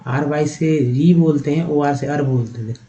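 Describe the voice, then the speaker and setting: A man with an Indian accent teaches English online, spelling words letter by letter and slowly sounding them out while addressing viewers directly with repeated "dekhiye." His voice is a little high and warm, and the recording is rough.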